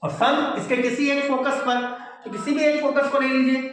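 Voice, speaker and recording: A man's voice: very high voice, little pitch movement, normal speed, a bit bright. A man teaching physics in a whiteboard lecture, explaining step by step, often repeating phrases and checking that students follow, mixing English terms into his Hindi. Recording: very echoey room.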